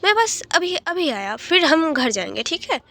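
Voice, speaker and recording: A woman voicing a hot-tempered young man who coaxes his little sister in a soft, stammering way. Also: extremely high pitch, big pitch swings, moderate pace, pitched above the performer's own voice, full character voice. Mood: coaxing.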